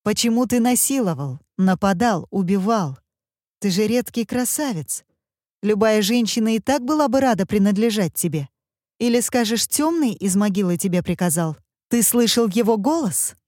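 Lady doing a tough foreign heroine, broken halting words, warm darkish voice. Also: mid-range voice, expressive, no room sound, studio quality, pitched above the performer's own voice, lightly acted. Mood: determined. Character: determined English woman speaking broken foreign words.

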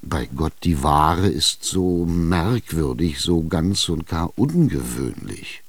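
A man's voice: rumbling low, animated, no room sound, heavily acted. A man doing a fretful, whining old widow. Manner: slow, hesitant, whining. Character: fretful, stubborn old female landowner widow. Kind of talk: radio drama reading.

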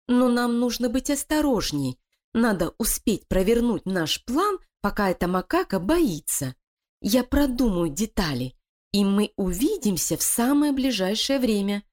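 A woman's voice: fairly high pitch, big pitch swings, unhurried, darkish tone, pitched above the performer's own voice. A woman voicing Lilia, a sly, scheming female animal who talks in a cold, threatening, commanding way. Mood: calculating.

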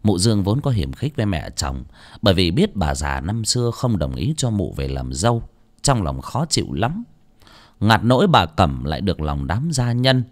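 A man narrating an audiobook story in an expressive, dramatic reading style. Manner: expressive, dramatic reading with wide pitch swings.

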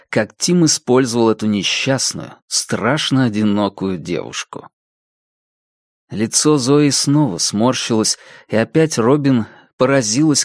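A man narrating an audiobook in a measured, even storytelling manner. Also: mid-range voice, no room sound, studio quality. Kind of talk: scripted narration.

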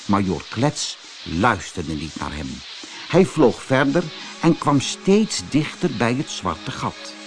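A man narrating a children's story for an audiobook, in an animated storytelling manner. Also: mid-range voice, slow pace, faint music behind. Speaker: audiobook reader. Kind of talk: fairy-tale narration for children.

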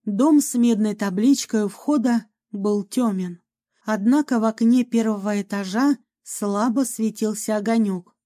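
A woman narrating an audiobook in a calm, even storytelling manner. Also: medium pitch, a little slow.

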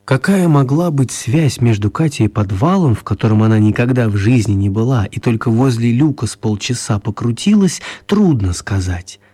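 With a breathy edge to his medium-pitched voice, a wry male storyteller narrates a children's story for radio. He sounds expressive and mock-serious and lets deliberate pauses hang.

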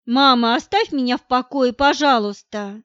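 A woman's voice: high-pitched, moderate pace, no room sound. A woman voicing a sobbing, defiant young woman. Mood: tearful, angry. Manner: sobbing, shouting in bursts. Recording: dull dry recording.

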